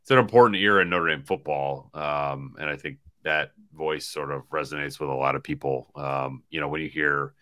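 With a rumbling low voice and fairly bright tone, a man in his forties speaks at normal speed with hardly any pauses. The casual, meandering postgame sports chat happens on a podcast he co-hosts, recorded over a laptop video call in a small indoor hotel room.

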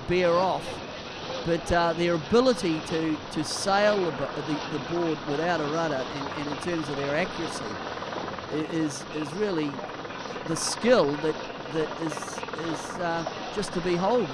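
A man giving expert live commentary on a sailing race, explaining technique with frequent halting restarts. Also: fairly high pitch, heavy background noise.

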